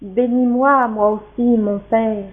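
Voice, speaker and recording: A woman reading the part of a wronged elder son in a scripture reading, in a pleading, measured way. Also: on the high side, fairly even intonation. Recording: tinny phone-like sound.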